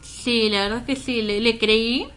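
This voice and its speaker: A woman's voice: on the high side, fairly even intonation, unhurried, fairly bright tone, soft background music. A woman, co-hosting a casual chat and telling a personal story in a candid, self-mocking way with frequent laughs.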